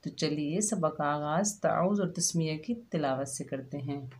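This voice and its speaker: A woman's voice: deep voice, normal speed, a little mellow. A woman teaching children to read the Quran in an Urdu-accented voice, patiently spelling out each syllable in drills. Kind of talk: children's Quran recitation lesson.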